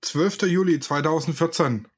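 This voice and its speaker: A man's voice: on the high side, moderate pace, breathy edge. A man in his thirties co-hosting a podcast, chatting casually in a joking, colloquial manner. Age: 30s. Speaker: podcast co-host.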